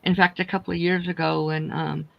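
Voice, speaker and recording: A woman's voice: on the low side, level tone, a little fast, vocal fry, no echo, dull audio. A woman hosting a casual crochet livestream, chatting in a rambling way, speaking without her teeth in. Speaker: host of a crochet chat livestream.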